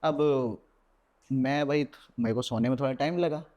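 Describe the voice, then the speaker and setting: A young adult man, a podcast guest, telling a personal horror story in a lively way and mixing English words into his Hindi. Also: medium pitch, normal speed, muffled recording.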